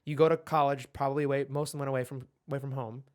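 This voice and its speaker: Talking at a racing pace, this Los Angeles podcast co-host in his twenties has a medium-pitched, level, darkish voice. His speech is casual and rambling, full of false starts.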